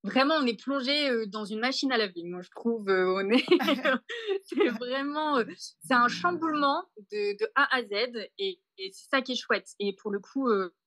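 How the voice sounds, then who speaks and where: Fast-talking young French woman, bright voice. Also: a little high, dry recording. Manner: fast, with many fillers and restarts; sprinkles English words into French. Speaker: interviewee, backpacker. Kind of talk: casual conversational interview. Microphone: podcast mic.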